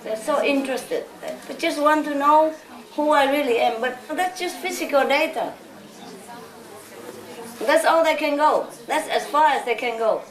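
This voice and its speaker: Speaking unhurriedly in a high voice, a woman from Vietnam addresses her followers as a spiritual teacher, keeping it informal, chatty and full of laughter. She's in a large hall before a live audience. The sound is echoey and picked up by a distant mic, with audience noise throughout.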